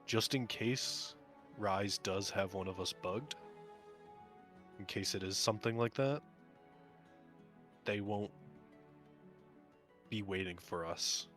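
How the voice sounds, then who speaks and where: Man player, slightly low voice, hesitant thinker, faint music bed. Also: a bit bright. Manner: measured, then rambling with many fillers. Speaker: tabletop game player. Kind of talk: casual game-night talk.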